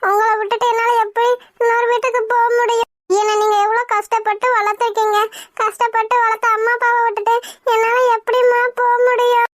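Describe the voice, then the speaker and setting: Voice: level tone, a little fast, no echo, studio quality. A performer voicing a young woman in a cartoon who is torn and tearful about leaving her parents. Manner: high-pitched, weepy pleading. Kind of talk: cartoon voice acting.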